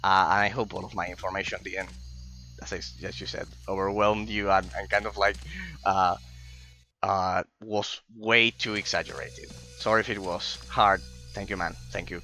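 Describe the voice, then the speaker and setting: A man's voice: mid-range voice, pushed and bright. A man from Argentina, chatting casually while streaming gameplay, rambling and effusively thankful with many restarts. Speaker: game streamer.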